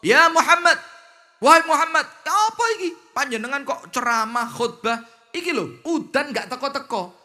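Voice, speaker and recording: A brash, unmannered Bedouin villager, as a preacher puts him on, with a Javanese lilt. His voice sits high for a man and rings bright and edgy. He barges in with his demands. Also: lively intonation, moderate pace, exaggerated voice. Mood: loud demanding. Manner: blunt, loud, unmannered demanding. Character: blunt, pushy male desert Bedouin villager.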